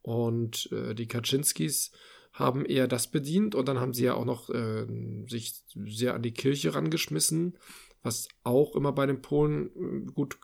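Gravelly man musing through politics. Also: mid-range voice, steady tone, moderate pace, a little mellow. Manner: thinks aloud with many fillers and restarts. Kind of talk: casual political discussion.

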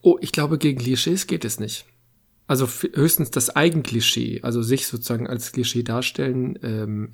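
Gravelly raspy guy musing on a chatty podcast, kinda halting. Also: mid-range voice. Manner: reflective, hesitant with fillers. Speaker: podcast co-host. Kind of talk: casual podcast chat.

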